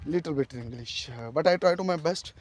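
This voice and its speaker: A man's voice: on the high side, fairly quick, slight background noise. A young man with a Pakistani accent vlogging outdoors at his village farmhouse, speaking broken English full of filler sounds and laughing at himself. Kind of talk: casual vlog to camera.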